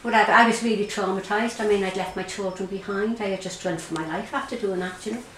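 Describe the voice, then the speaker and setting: An Irish woman recounting her own experience in an interview, halting and repeating herself as she speaks. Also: mid-range voice. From Ireland. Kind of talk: personal testimony in an interview. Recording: roomy echo, faint background noise.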